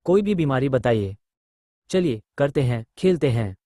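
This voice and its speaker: A man's voice: medium pitch, animated, measured pace, warm tone, dry recording, studio quality. A man, a spiritual teacher, answering audience questions bluntly and posing rhetorical questions.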